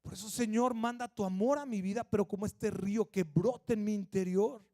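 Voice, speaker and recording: A middle-aged man preaching a sermon at a church service, conversational and lively, acting out little quotes. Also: high voice, normal speed, dry recording, clean studio sound. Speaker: pastor.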